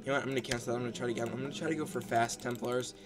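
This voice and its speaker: A man's voice: medium pitch, steady tone, racing. A young man playing a match live, talking in a focused, mumbly way about his moves. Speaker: gaming channel co-host playing the match. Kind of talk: casual live-stream gameplay chat. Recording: game music playing behind.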